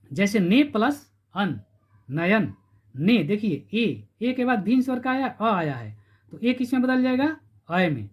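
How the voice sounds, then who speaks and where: A man teaching a grammar lesson, repeating terms and stretching syllables slowly to spell them out. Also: high voice. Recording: dull lo-fi recording.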